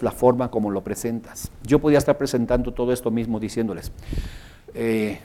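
A man with a Mexican accent teaching a live workshop on nonverbal communication, joking and acting out his examples to the group. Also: fairly low pitch. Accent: Mexican Spanish. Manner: animated, joking, acts out examples. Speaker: workshop instructor. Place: workshop room with a live audience.

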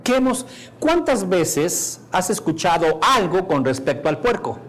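Animated man lecturing a course. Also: sits high, a little slow. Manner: animated, acts out quoted voices, asks the audience questions. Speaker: course speaker. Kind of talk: lecture to an audience.

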